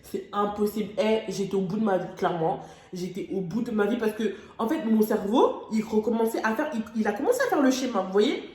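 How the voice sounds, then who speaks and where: A woman's voice: mid-range voice, expressive, brisk, a little mellow. A young woman from France telling a personal story on her vlog, emotional and dramatic, with casual slang. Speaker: vlogger. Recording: echoey room.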